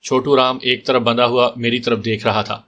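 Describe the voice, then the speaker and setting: A man reading a detective story aloud as narrator in a calm, steady way. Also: mid-range voice, muffled recording. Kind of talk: scripted audiobook narration.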